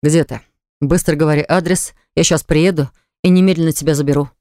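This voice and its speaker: A man voicing a hot-tempered young man in an audiobook, forceful and commanding. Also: fairly high pitch, fairly even intonation, a little fast, no echo, clean studio sound, close to an everyday voice. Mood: angry, demanding.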